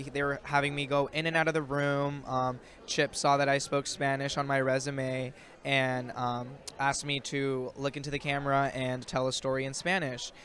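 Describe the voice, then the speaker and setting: A man's voice: mid-range voice, a bit bright. A young adult man, an actor guest, answering interview questions in a loose, rambling way full of ums and likes. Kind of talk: casual interview chat. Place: outdoors in a built-up area.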